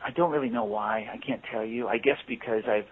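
In a phone interview, a band's guitarist and singer gives long, thoughtful answers that ramble and restart often. He speaks a little fast in a fairly low, flat, slightly rough voice, and the line sounds tinny.

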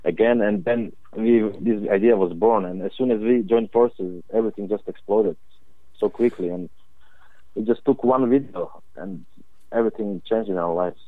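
A young man from Croatia gives earnest, halting interview answers over a thin, phone-like line. His voice sits fairly low and sounds dry and close. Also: no room sound. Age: young adult. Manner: plain, earnest, halting phrasing. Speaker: cellist guest.

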